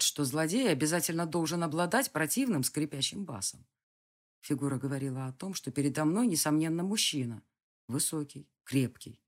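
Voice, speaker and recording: Expressive first-person audiobook narration. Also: medium pitch. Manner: lively, expressive reading.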